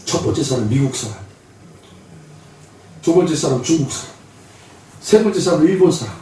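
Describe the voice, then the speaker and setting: A man preaching a sermon as pastor, telling stories in a lively way and acting out the voices of the people in them. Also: a little high, moderate pace, far from the mic, slight background noise. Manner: animated, acts out quoted voices. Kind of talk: sermon with humorous storytelling. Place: church sanctuary. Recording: echoey church hall, voice from off mic.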